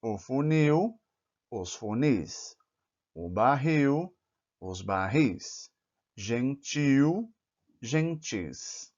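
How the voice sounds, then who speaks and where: A man gives a grammar lesson at an unhurried, deliberate pace. He sounds out each example word with care. The recording is a little dull and lo-fi. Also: mid-range voice, lively intonation, a little mellow. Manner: careful, spells out each word pair. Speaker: Portuguese teacher.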